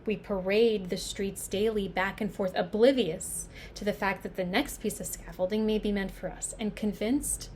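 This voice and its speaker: Over some background noise comes a reflective woman, played by an actress, delivering an intense dramatic monologue. Her voice sits at a medium pitch. She confides haltingly, pausing and repeating words for emphasis as on a theater stage. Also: steady tone, a little mellow, natural voice. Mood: intense, questioning. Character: reflective New York woman musing on mortality. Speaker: actor performing a stage monologue.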